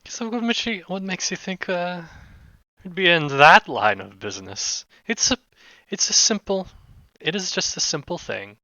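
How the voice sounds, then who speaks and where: A man voicing a shady male criminal middleman who speaks in measured, vague, noncommittal offers. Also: high voice, very animated, bright, forceful tone, no room sound, dull audio, pitched above the performer's own voice, exaggerated voice. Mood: cagey.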